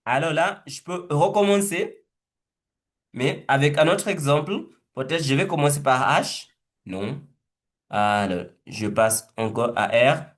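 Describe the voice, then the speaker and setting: Slow-speaking man teaching a webinar. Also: a little high. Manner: slow, hesitant, thinking aloud with repeated words. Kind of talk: teaching webinar, demonstrating a word game.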